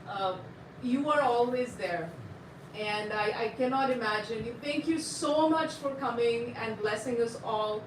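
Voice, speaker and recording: A woman in her fifties giving a devout tribute at a gathering, telling her memories with fond asides. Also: high-pitched. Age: 50s. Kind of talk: personal testimony at a gathering. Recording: echoey room, distant mic, faint noise.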